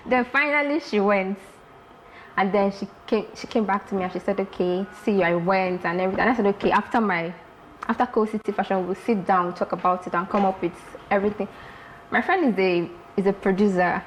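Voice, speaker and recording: Lively Nigerian-raised woman designer. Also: mid-range voice, brisk, slight background noise, poor audio. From Lagos, Nigeria. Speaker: fashion designer, guest. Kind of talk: casual interview talk.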